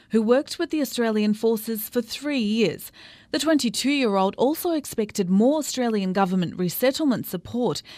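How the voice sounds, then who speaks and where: A woman reporter reading a scripted news report in a measured, even way. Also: fairly high pitch, no echo, clean studio sound.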